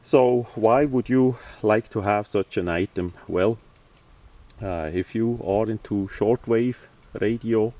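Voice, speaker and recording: Recorded on a distant mic, this man's low, mellow voice moves slowly as he demonstrates a product casually, hands-on, as a hobbyist. He speaks haltingly and hesitantly, keeping things matter-of-fact.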